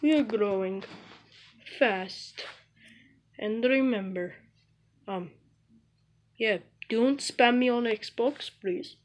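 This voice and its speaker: Slow, rambling young woman gamer vlogger. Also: a little high, rough recording. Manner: jokey, offhand, calls viewers comrades in a mock Russian voice. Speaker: gaming channel host. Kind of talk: casual rambling vlog.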